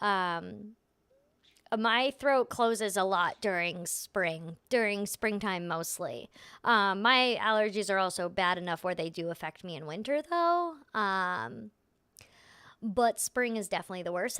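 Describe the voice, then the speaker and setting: This is a young woman voice actor streaming gameplay, her mid-range voice hoarse and soft, with no room sound. She can't project as her voice fades, and her casual chat wanders through explanations stuffed with "like"s and "right?"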